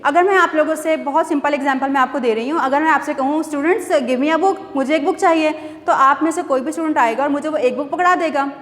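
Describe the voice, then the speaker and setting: A woman teaching a grammar lesson to students, explaining step by step and asking them questions, then answering them herself. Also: high-pitched. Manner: reads example sentences slowly and deliberately. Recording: echoey hall with faint noise.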